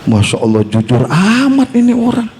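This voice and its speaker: A man's voice: high voice, huge pitch swings, normal speed, a little mellow. A man, an Islamic preacher telling a story in a sermon and teasing his audience. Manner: joking, teasing the audience directly.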